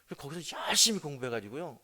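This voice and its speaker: Preaching at an early morning service, a senior pastor speaks in a high-ish, bright, pushed voice that races along with big pitch swings. His sermon tells a family story, acting out the dialogue and turning to the congregation with questions.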